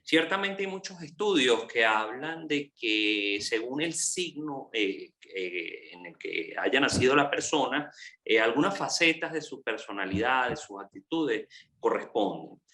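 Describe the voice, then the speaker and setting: A male interviewer with a bright, lively voice that rises and falls a lot. He affirms his guest warmly in words and builds long questions with many hesitant fillers. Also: medium pitch, a little slow. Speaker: interview host.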